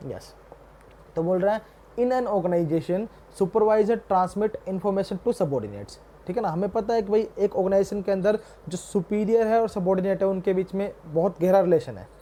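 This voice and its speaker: A young man teaching a commerce class, reading English definitions slowly and then explaining them in a mix of Hindi and English while calling his students "beta". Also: high-pitched, warm tone. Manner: addresses students fondly as "beta". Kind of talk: classroom lecture.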